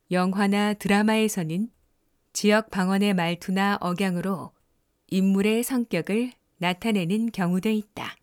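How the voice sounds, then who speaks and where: A woman narrates a classroom-style lesson from a script, taking her time over every phrase. Her delivery is measured and explanatory, at a mid pitch and an unhurried pace that leaves room for each point to land. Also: darkish tone. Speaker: narrator of an educational video.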